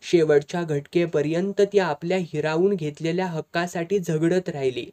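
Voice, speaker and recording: A narrator reading a serialized novel in a steady storytelling manner. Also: medium pitch, moderate pace.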